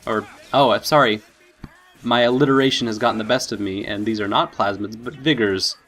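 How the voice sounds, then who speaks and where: A man's voice: on the low side, steady tone, a little fast, fairly bright tone, faint music behind, low-quality recording. A man hosting a let's play with casual commentary, thinking aloud and easily impressed. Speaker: gaming video host.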